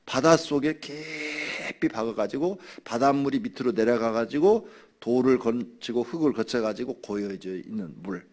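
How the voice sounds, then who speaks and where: A man's voice: mid-range voice, moderate pace, few pauses, darkish tone. A man preaching a Bible study to his congregation in a conversational teaching manner, briefly acting out grumbling people. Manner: drinks water while speaking. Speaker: pastor.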